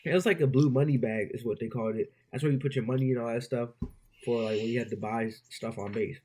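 A man's voice: mid-range voice, fast talker, noisy background. A young man, a podcast co-host, casually telling a story with loose slang. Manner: loose, slangy, lots of "bro".

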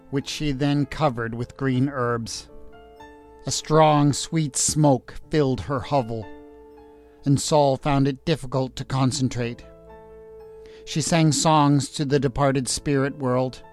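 Slow, deliberate male storyteller. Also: medium pitch. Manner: deliberate, calm narration with small stumbles. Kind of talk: dramatic story narration.

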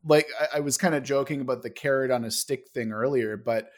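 Excitable rambling man brainstorming. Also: medium pitch, fairly quick. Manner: excitable, rambling, swears casually. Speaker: worldbuilding collaborator. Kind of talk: casual brainstorming chat.

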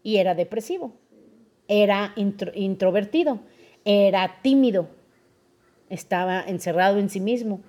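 A young woman with a Mexican Spanish accent hosts a podcast, explaining things casually and often checking in with her listeners. Her medium-pitched voice moves at a normal speed with long pauses. She sounds lively and frequently asks her audience questions.

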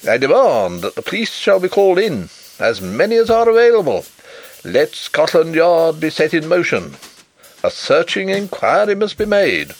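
A man voicing a pompous, irate elderly professor who booms his indignant demands. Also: big pitch swings, moderate pace, soft background music, poor audio. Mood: demanding. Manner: booming, indignant.

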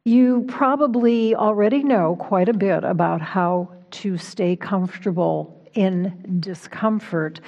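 A woman minister delivering a conversational sermon in a reflective, informal way, gently guiding her listeners. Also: mid-range voice. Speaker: minister giving a talk. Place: church sanctuary.

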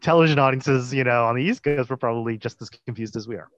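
A man co-hosting a podcast, chatting in an animated way and acting out little quotes. His voice sits in a middle pitch. The sound is dull, dry and lo-fi. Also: fast, dry recording. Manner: animated, laughs, acts out quotes. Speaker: podcast co-host. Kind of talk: casual chat about a TV episode.

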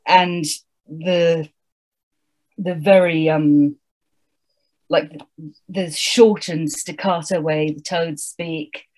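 A woman's voice: low-pitched, drawn-out words, long pauses. Wry woman co-hosting a book chat. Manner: thoughtful, wry, lively reader. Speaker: podcast co-host.

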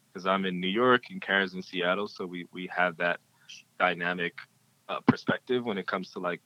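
A man's voice: sits low, pushed and bright, dull audio. A man being interviewed as a podcast guest, talking reflectively with frequent fillers and restarts. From Ghanaian-American. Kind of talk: casual interview talk.

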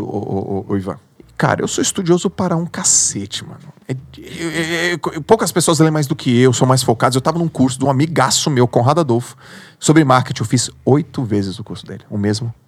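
A man's voice: mid-range voice, lively intonation, fast. A man with a Brazilian Portuguese accent, a podcast guest who mentors entrepreneurs, telling stories in a slangy, emphatic way with some swearing. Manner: slangy and emphatic, swears, acts out his own inner voice. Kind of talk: animated podcast storytelling.

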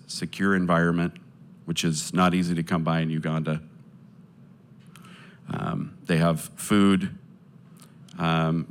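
A man with a low voice addresses a live audience in earnest, telling his testimony and appealing for support while pausing and restarting often.

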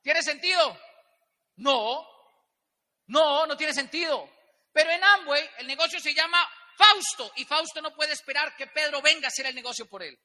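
A man's voice: very high-pitched, normal speed, bright, forceful tone. A man giving an emphatic motivational talk on stage, firing rhetorical questions at the audience. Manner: emphatic, rhetorical questions, acts out little dialogues. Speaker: motivational business speaker. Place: large event hall with a live audience. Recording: long hall reverb.

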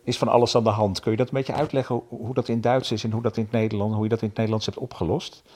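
A man interviewing a guest in a relaxed, curious, conversational way. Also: fairly low pitch, very fast, slightly rough. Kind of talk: casual interview.

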